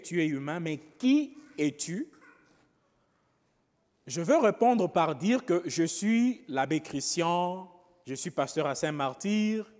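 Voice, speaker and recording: A man, a priest, preaching a homily in a slow, pausing way, often adding rhetorical asides to the congregation. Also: high voice, darkish tone, big-room sound. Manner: slow, pausing, with frequent rhetorical "n'est-ce pas".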